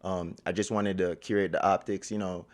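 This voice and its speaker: With a Jamaican accent and a low, flat delivery, this media platform owner speaks at a normal pace as a guest in a casual interview. He stays laid-back and slangy, repeatedly saying "you feel me."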